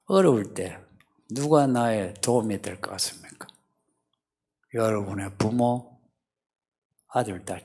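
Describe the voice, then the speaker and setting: Male pastor preaching at a church service, husky voice, peppers the congregation with questions. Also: lowish voice. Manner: asks the congregation rhetorical questions. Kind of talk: sermon.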